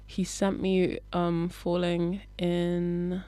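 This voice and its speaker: A woman's voice: on the low side, completely flat delivery, drawn-out words, dark tone, no echo. A young British woman, a musician guest, answering interview questions in a laid-back, hesitant way with lots of fillers.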